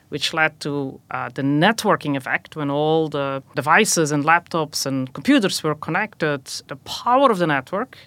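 A woman's voice: sits low, a bit bright, dry recording. A woman from Belgium, a technology executive, answering interview questions in long explanatory sentences with some fillers.

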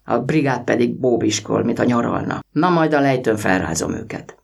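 A man reading a children's story aloud in an expressive storybook narration. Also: medium pitch, creaky, husky.

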